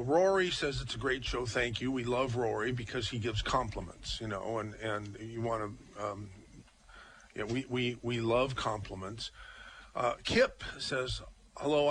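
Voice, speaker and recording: A man hosting a live talk radio show, chatting casually and haltingly as he addresses listeners. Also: medium pitch, fairly bright tone, slight background noise, rough recording.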